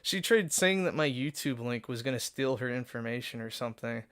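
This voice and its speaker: A man's voice: mid-range voice, brisk. Swearing male streamer ranting. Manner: animated, swearing, acts out quotes. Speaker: live streamer. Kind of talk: casual rant to stream chat.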